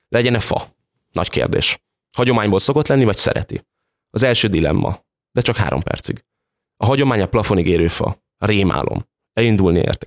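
A man with a fairly low voice reads a literary short story aloud. His telling is calm and measured, moving steadily from line to line. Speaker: story reader. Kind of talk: literary reading.

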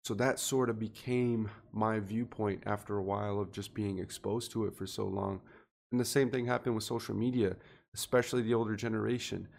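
A man's voice: fairly low pitch, steady tone, fairly quick, gravelly, a little mellow, slight background noise. A man in his twenties, a podcast guest, talking earnestly and reflectively in casual chat. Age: 20s. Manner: earnest and reflective, thinking aloud.

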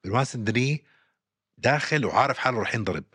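A man's voice: mid-range voice, animated, fast, fairly bright tone, breathy edge, no room sound, clean studio sound. A man, co-hosting a casual sports podcast and emphatically repeating his points. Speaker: podcast co-host.

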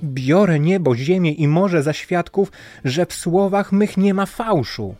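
A young rider begs to be believed, as a male narrator puts him on. The voice climbs high above the narrator's own and stays tense and pleading, as if on the edge of tears. This is a storybook reading with soft music underneath. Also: a little slow. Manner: desperate, pleading.

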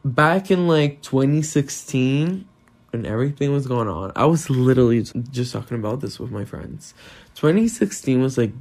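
A man's voice: mid-range voice, darkish tone. Rambling nineteen-year-old guy on a phone mic. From Brazil. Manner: anxious, rambling, swears a lot, many fillers. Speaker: podcast host. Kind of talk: solo confessional podcast.

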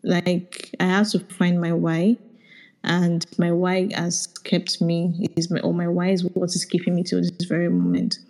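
A Nigerian woman, a product manager, giving reflective career advice in a casual audio chat, often pausing to search for words. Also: on the low side, flat delivery, a little mellow, rough recording. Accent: Nigerian English.

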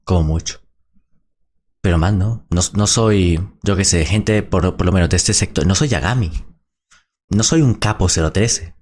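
Casting: male reactor, blunt and cursing, lowish voice. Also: normal speed, a little mellow. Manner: indignant, blunt, swears freely. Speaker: small content creator reacting to a freestyle battle. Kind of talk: casual reaction commentary.

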